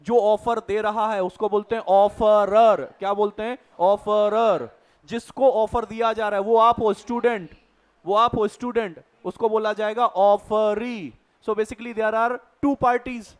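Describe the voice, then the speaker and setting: In a high-pitched voice, a man leads an exam revision lecture, slowly reading out definitions before explaining them at speed. He keeps asking the class rhetorical questions.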